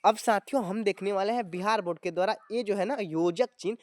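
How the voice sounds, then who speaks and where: A man's voice: sits high, a little fast, dry recording, clean studio sound. A man teaching a grammar lesson to exam students, explaining step by step and often addressing viewers as friends. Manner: explanatory, often calling viewers "friends" and adding tag words.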